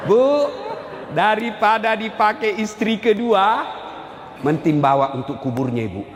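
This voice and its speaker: Man preaching a funny sermon, jokey and teasing, lively up-and-down voice, long hall echo. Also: high voice, a little slow, crowd noise. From Indonesia. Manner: joking, teasing the audience, acting out little scenes with husbands and wives. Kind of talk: humorous sermon to a live congregation.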